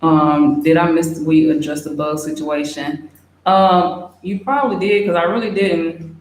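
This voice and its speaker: A young woman chatting casually, reading out and answering viewer questions in a relaxed way with many fillers. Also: deep voice, unhurried. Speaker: expat vlogger. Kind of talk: casual livestream Q&A. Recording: very echoey room, faint hiss.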